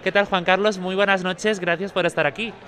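A man's voice: high voice, steady tone, brisk, a bit bright. A man hosting an outdoor interview, speaking through a face mask in a formal presenter manner. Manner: formal presenter tone with brief hesitations. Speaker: reporter hosting a local festival feature. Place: outdoor town square at a night festival. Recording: outdoor crowd chatter behind.

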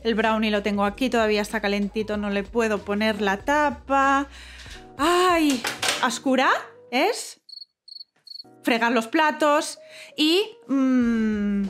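Young woman from spain vlogging at home, chatty, lots of little exclamations, soft music under her voice. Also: mid-range voice. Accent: Spain Spanish. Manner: chatty, exclamatory, thinks aloud while doing chores. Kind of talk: casual vlog chat to viewers.

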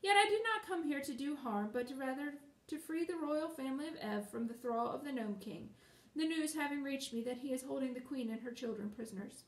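A woman voicing a gentle girlish fairy queen who speaks quietly, sweetly and firmly, recorded in a roomy space from a distance. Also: sits high, fairly quick, close to an everyday voice. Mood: calm.

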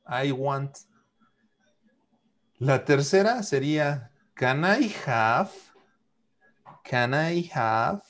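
Man, English teacher, online class, video call, slow deliberate delivery, mid-range voice. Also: medium pitch. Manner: slow, patient, repeats and spells out phrases.

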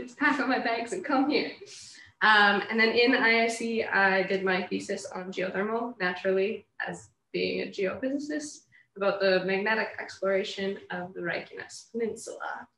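A young Canadian woman, a co-founder visiting as a guest speaker, gives a casual, chatty talk to students in a university classroom and laughs often. Her voice is on the high side, bright and forceful, picked up by a distant mic in an echoey room with slight background noise.

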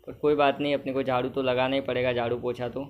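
A young man giving casual commentary on his own gameplay, chatty and talking to himself, at times loud and scolding at the game characters. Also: mid-range voice, flat delivery, quick pace, lo-fi sound. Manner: chatty, talks to himself, keeps saying brother. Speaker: gamer.

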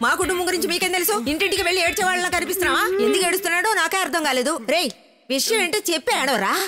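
A woman's voice: very high-pitched, racing, sharp tone. A middle-aged woman dubbing a doting, fiery mother who scolds dramatically, over film music. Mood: anxious. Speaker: hero's mother. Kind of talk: dubbed film acting.

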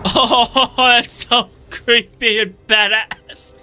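A let's-play commentator giving jokey, theatrical gameplay commentary and prone to shouting. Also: mid-range voice, steady tone, extremely slow.

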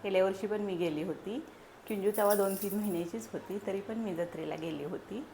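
A young woman from Maharashtra chatting casually at home in a family vlog, a mother who coaxes her baby in high sing-song bursts. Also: fairly quick, creaky, mellow, slight background noise. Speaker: vlogger and mother. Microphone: small clip mic.

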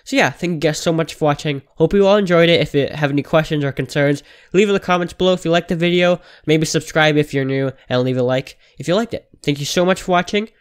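A man with a nasal, pinched-nose voice casually narrating a software tutorial in an informal, enthusiastic way. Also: a little high, fast, few pauses, clean tone.

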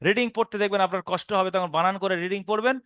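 Bengali-accented guy teaching quran reading, high smooth voice, super dry close mic, goes slow n patient. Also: fairly bright tone, dry recording. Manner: patient step-by-step explanation, spelling out syllables slowly. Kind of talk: recorded online lesson.

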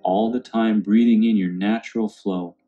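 Over background music, a lowish male voice offers gentle, unhurried meditation instructions. The audio has a dull quality.

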